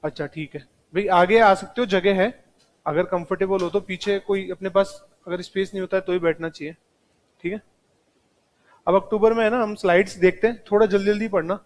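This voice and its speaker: High-voiced man teaching a class. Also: fairly even intonation, brisk. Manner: talks straight to students, mixes in English terms. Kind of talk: classroom lecture. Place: classroom with students present.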